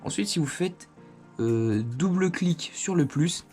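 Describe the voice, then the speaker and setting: Soft background music plays as a man with a fairly high but darkish voice speaks slowly and animatedly. He's the host of a motorcycle gear review channel, casually demonstrating a product hands-on indoors at home and explaining it in a conversational way.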